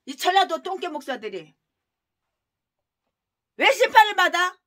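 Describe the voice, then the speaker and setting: A woman's voice: very high-pitched, sing-song, a little slow, fairly bright tone. A woman pastor preaching a sermon in a harsh, scolding way, firing off rhetorical questions and crude insults. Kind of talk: expository sermon.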